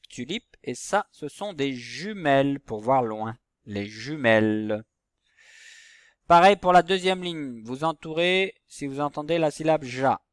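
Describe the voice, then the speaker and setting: Man, teacher, phonics lesson for small children, slow and patient, middle pitch, dry close sound. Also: no echo. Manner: slow, patient, stresses each example word. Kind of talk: recorded phonics lesson for young pupils.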